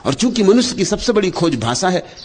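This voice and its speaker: A man delivering a meditative spiritual discourse as a teacher, speaking in short, measured phrases with repeated refrains. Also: high voice, very animated, a little hiss or hum.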